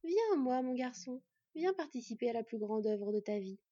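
A woman voicing a cunning male hunter who lures his prey with slow, mocking, honeyed words, in an audiobook reading. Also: on the high side, warm tone, husky, no room sound, lo-fi sound. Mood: coaxing. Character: sly cunning male hunter villain, smooth-talking.

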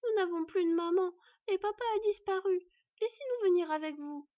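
A woman's voice: moderate pace, warm tone, no echo. A woman voicing a tiny pleading fox girl. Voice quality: very high, childlike. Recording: dull lo-fi recording.

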